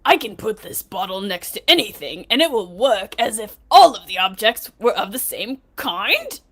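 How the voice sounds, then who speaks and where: A woman's voice: mid-range voice, big pitch swings, normal speed, a bit bright. A woman co-hosting a casual gaming livestream, chatty and eager, laughing often as she plays along. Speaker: livestream co-host.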